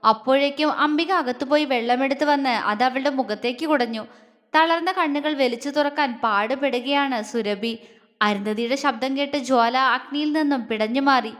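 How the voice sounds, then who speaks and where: A woman's voice: high-pitched, moderate pace, fairly bright tone. A woman narrating a dramatic audio romance story in an emotional, scripted reading. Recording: long hall reverb.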